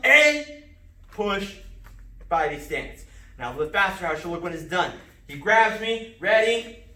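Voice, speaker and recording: In an empty martial arts school, a male martial arts instructor calls out self-defense moves step by step for a filmed lesson, shouting sharply on the strikes. His voice sits high and is recorded from a distance with lots of reverb.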